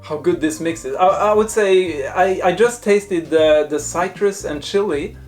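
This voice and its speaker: A man's voice: sits high, unhurried, a little mellow, soft background music. A man presenting a casual taste-test review, thinking aloud in hesitant, broken phrases. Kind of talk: casual food review talk to camera.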